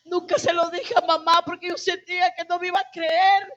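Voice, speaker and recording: High-voiced woman pastor giving testimony. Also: level tone, moderate pace, fairly bright tone. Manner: emotional, addresses the congregation as brothers. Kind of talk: testimony sermon. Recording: dull lo-fi church recording.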